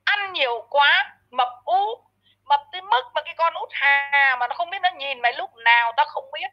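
High-pitched woman scolding harshly. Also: expressive, normal speed. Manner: frequent stammered repeats. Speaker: online commentator. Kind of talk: ranting commentary vlog. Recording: dull lo-fi audio.

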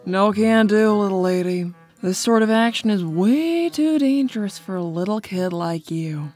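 A woman's voice: mid-range voice, lively intonation, unhurried, darkish tone, soft background music, close to an everyday voice. A woman voicing a sultry, teasing female bat treasure hunter with a flirty, sassy drawl in a cartoon comic dub. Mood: firm.

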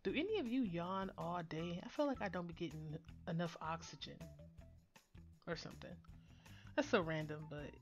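A woman's voice: on the low side, normal speed, soft background music. A woman narrating her nail art tutorial in a casual, chatty voice-over that rambles with fillers and restarts.

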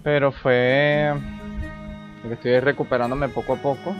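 A man's voice: mid-range voice, level tone, measured pace, muffled recording. A man hosting a gaming channel, giving casual gameplay commentary and thinking aloud as he plays. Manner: rambling, thinks aloud while playing. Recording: game music playing behind the voice. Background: game music.

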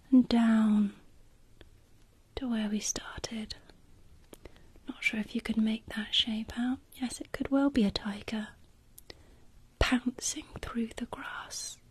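A woman whispering an eye-exam ASMR roleplay in a soft, gently encouraging, deliberate manner with dry playful humor. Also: a little high, slightly rough. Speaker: ASMR creator playing an eye examiner.

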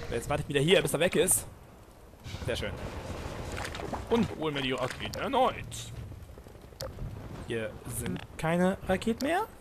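Excitable male gamer narrating his play, high and bouncy voice, game gunfire under it. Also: slow, pauses often, background noise. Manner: excitable, panicky yelps and nervous laughs. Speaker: let's play commentator. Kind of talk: casual gameplay commentary.

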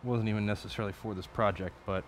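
A fast-talking adult man with a fairly low, steady voice narrates a late-night electronics build at his home workbench for his stream. He wanders, swears and fixes his own mistakes in casual commentary, over a faint hiss.

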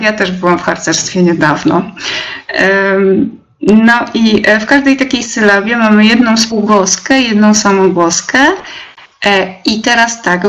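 A young woman teacher leading a live webinar, explaining step by step with many fillers and pauses. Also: mid-range voice, a bit bright. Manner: slow, hesitant, many fillers, reads out chat replies.

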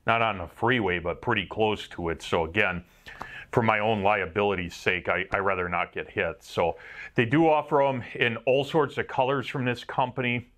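A man's voice: on the low side, steady tone, moderate pace, a bit bright. A man with a Wisconsin accent, a welder casually reviewing work gear in a rambling, self-mocking way. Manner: rambling, offhand, self-mocking, with some swearing.

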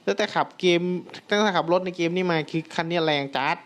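A young man giving casual gameplay commentary, excitable, breaking into loud exclamations and talking to viewers. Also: high voice, fast talker.

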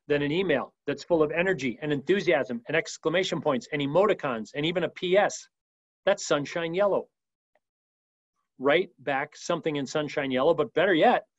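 A man presenting a business training webinar in a lively, emphatic way, now and then acting out sample voicemails. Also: a little high, no echo, highs cut off. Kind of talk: energetic business training talk. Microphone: video call mic.

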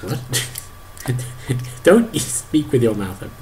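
A man in his thirties narrating a video game to his toddler, animated, exclaiming and making playful sound effects. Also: medium pitch, slow, faint music behind. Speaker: parent playing a video game.

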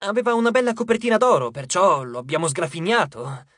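A man doing a tiny, squeaky mischievous dwarf who whines in a high, shrill voice that leaps up and down. The audiobook sound is close and dry, with no room around it. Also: lively intonation, a little fast, a bit bright, no room sound. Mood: whiny.

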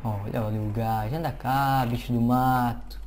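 A man with a European Portuguese accent giving casual, excitable, slangy commentary to viewers while he plays a game at his computer. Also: mid-range voice, moderate pace, background noise. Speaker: gameplay commentator. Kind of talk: casual let's-play commentary. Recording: keyboard clicks and typing behind.

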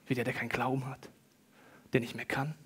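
A man preaching as a pastor, telling stories with lively swings between loud bursts and quiet, acting out the voices he quotes. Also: mid-range voice, a little fast, husky. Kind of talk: sermon.

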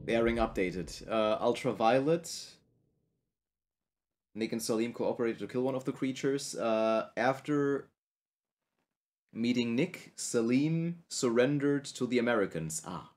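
A man's voice: mid-range voice, measured pace, darkish tone. A man giving let's play commentary on a video game, reacting as he goes. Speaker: gaming YouTuber.

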